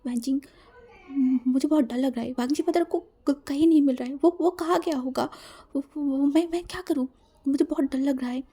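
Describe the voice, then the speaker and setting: A woman's voice: on the high side, flat delivery, fairly quick, warm tone, slightly rough. A woman voicing a frightened young man who stammers and repeats his words in a storybook reading.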